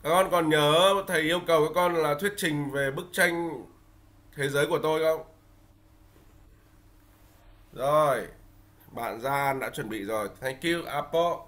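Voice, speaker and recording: A man's voice: on the high side, a bit bright. Patient male teacher on a video call. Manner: patient and coaxing, slowly modelling English phrases for repetition. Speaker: teacher of an online English class for young children. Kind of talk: online class teaching, mixing Vietnamese instructions with English drills.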